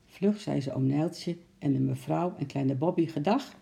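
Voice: medium pitch, normal speed, creaky, warm tone. A narrator steadily reading a children's story aloud.

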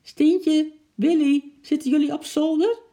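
A man voicing a sick, frightened older man in bed who calls out in a high, quavering, stammering voice. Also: fairly even intonation, unhurried, mellow.

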